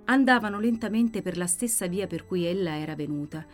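Expressive woman narrating an audiobook. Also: brisk, soft background music. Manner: expressive, with sharp swings in pitch and loudness.

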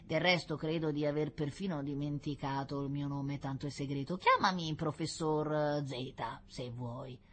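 A woman voicing a mysterious, fretful little old man in a storybook reading, slow and murmuring. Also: low voice, fairly even intonation, fairly bright tone, slight background noise. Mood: secretive. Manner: slow, murmuring, self-pitying.

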